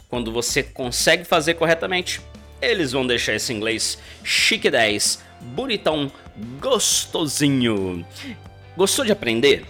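A Brazilian man in his thirties with a Brazilian Portuguese accent, hosting a chatty podcast pronunciation lesson and slowing down to model English phrases. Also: medium pitch, bright, forceful tone. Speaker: English teacher, podcast host. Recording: faint guitar music behind the voice.

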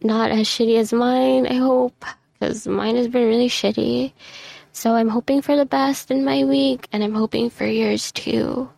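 Tired, teary woman ranting with vocal fry. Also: fairly high pitch, fairly even intonation, unhurried, a little mellow, no room sound. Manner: frank venting with swearing. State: tired and close to tears. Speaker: vlogger. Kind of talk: casual ranting monologue. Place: messy room at home. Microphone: desk microphone.

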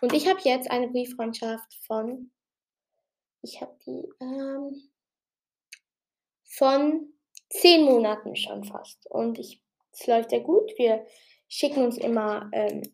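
Woman host, slightly high voice, casual rambling explainer, lots of fillers. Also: creaky. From outside Germany. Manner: chatty and rambling, with many fillers and restarts; says she talked a bit fast. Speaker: podcast host giving tips.

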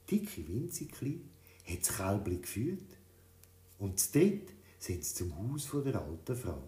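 A man reading a children's story, in a lively, expressive telling. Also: fairly low pitch, a little slow. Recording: roomy echo.

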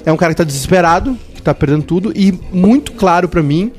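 A man's voice: high-pitched, lively intonation, fast talker, a little mellow. A man, co-hosting a casual podcast chat and explaining his opinions at length with jokes. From southern Brazil. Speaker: podcast co-host.

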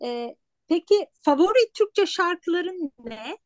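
A woman's voice: extremely high pitch, lively intonation, slow, no echo. A woman hosting a casual interview, asking her guest questions. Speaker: host, interviewer.

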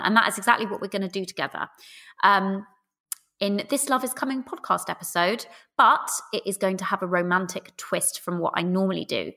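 Female podcast host, thirties, British. Chatty coach addressing listeners, breezy and cheeky with a theatrical streak, mid-range pitch. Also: fairly bright tone.

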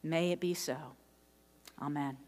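A woman's voice: low voice, unhurried, a little hiss or hum. Pastor woman preaching in an echoing church. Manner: animated storytelling, acting out her own past dialogue. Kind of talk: sermon. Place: church sanctuary. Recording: long hall reverb in a church sanctuary.

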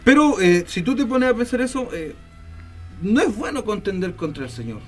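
A man with a slightly raised pitch speaks in a loose, rambling way, stacking fillers and false starts. Soft music plays faintly behind him. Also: big pitch swings, moderate pace. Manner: rambling, many fillers and restarts. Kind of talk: casual faith chat.

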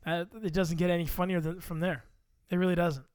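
A young man co-hosts a casual podcast from a home room at his computer, speaking into a close mic on a clean, dry recording. His high-pitched, slightly mellow voice is brisk with little pitch movement as he jokes around, trash-talks playfully, and does some mock rapping.

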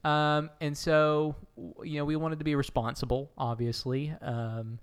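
A man chats and jokes as a podcast co-host, his voice smooth and resonant. It carries an echo that bounces off the tiles of the bathtub he sits in, like an indoor swimming pool. His banter runs silly and playful. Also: a little high, flat delivery, measured pace. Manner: jokey, playfully absurd banter. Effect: echoey bathtub sound, like an indoor swimming pool. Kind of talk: casual chat. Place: inside his bathtub at home. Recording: echoey tiled-bathroom recording.

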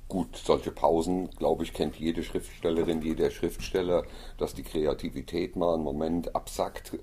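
A man hosting an interview, asking questions in an affirming, measured way with a husky voice. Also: a bass voice, fairly even intonation, warm tone. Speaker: interviewer host.

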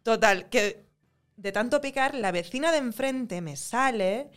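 Actress guest, female, somewhat high voice, animated storyteller. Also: measured pace, smooth. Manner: animated storyteller, acts out her own quotes. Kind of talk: lively anecdote in casual chat.

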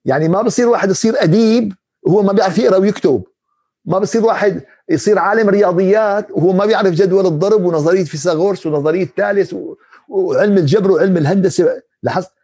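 A man with a Levantine Arabic accent, a sheikh giving an animated Quran commentary sermon, who keeps asking his listeners questions and recites verses slowly. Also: high-pitched, breathy edge. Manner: animated, rhetorical questions to the audience.

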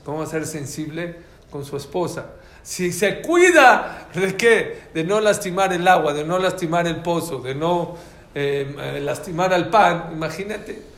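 A man teaching a lively religious class, telling stories and quizzing his listeners. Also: on the high side. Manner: animated storytelling, quizzes listeners. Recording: echoey room, faint ambience.

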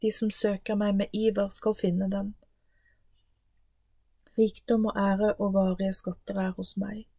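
Ancient personified Wisdom, voiced by a woman in a scripture reading, proclaiming in a solemn, declaiming manner. The delivery is level with little melody, mellow and dry. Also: mid-range voice, flat delivery, long pauses, breathy edge, no room sound.

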